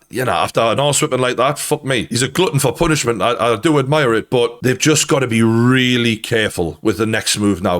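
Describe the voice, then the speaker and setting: A man's voice: medium pitch, fairly bright tone. A man giving conversational, opinionated sports reaction commentary, emphatic and prone to swearing.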